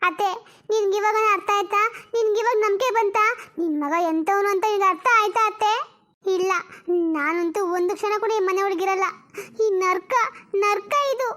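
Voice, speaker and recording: A woman voicing a jealous, sharp-tongued young wife in an animated drama, scolding and accusing. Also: extremely high pitch, normal speed. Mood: bitter defiance.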